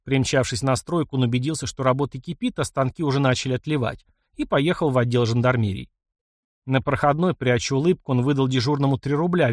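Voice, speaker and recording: A man narrating an audiobook in expressive scripted storytelling. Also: mid-range voice, dry recording, studio quality.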